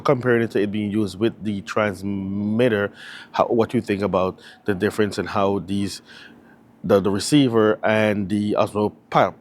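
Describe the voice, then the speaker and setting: A man with a lowish voice talks casually while testing gear, stopping and restarting his sentences often. His voice comes through a wireless clip-on mic with noise reduction processing applied, and a faint noise sits underneath it. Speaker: gear reviewer. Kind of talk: casual product test vlog.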